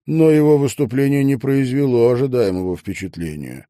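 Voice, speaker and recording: A man's voice: medium pitch, fairly quick, dark tone, dry recording, studio quality. A man narrating an audiobook expressively, voicing every character himself.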